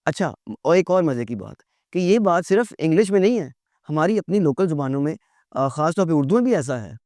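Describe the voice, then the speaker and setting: A man teaching a lecture, asking rhetorical questions and answering them himself, spelling words out slowly letter by letter. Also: on the high side, lively intonation, darkish tone, dry recording, clean studio sound.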